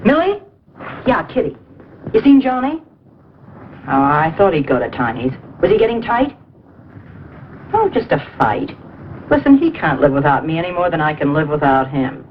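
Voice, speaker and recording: A woman's voice: deep voice, big pitch swings, slight background noise. Brassy lovesick girl. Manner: slangy, quick and brassy. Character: brassy young woman, slangy and lovesick. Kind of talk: 1940s film acting. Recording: muffled 1940s film soundtrack with score.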